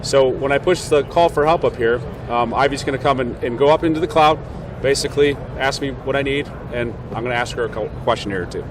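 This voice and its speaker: On a noisy trade show floor, a man with a mid-range voice runs an informal product demo, talking fast and walking through each step conversationally while checking in with "right?".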